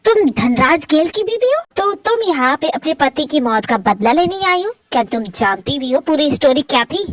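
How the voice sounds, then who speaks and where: A woman's voice: high voice, big pitch swings, normal speed, no echo. A woman voicing a cold, brooding rich young husband who speaks curtly and with suspicion. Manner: curt, suspicious.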